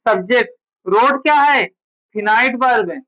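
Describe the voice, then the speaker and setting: In this poor-quality recording, a woman lectures a class on grammar at a normal pace, her voice a little high and fairly bright. She repeatedly poses questions to her students, only to supply the answers herself.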